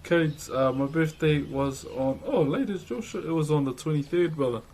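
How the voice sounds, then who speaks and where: Kiwi man chatting casually, higher-pitched voice. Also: normal speed, darkish tone. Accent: broad Kiwi. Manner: laid-back, chummy slang, calls listeners bro. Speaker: livestreamer greeting viewers. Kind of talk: casual livestream chat. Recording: noticeable background noise.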